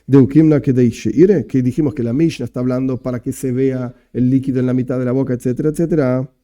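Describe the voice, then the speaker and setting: A man with an Argentine Spanish accent, teaching a Talmud lesson as a rabbi, explaining step by step and reading Aramaic phrases slowly. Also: medium pitch, steady tone, dark tone.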